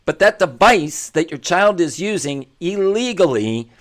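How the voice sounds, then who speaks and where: A man's voice: high-pitched, big pitch swings, unhurried, fairly bright tone. A man hosting an opinionated commentary monologue, blunt and self-deprecating, who repeats his points for emphasis. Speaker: commentary show host.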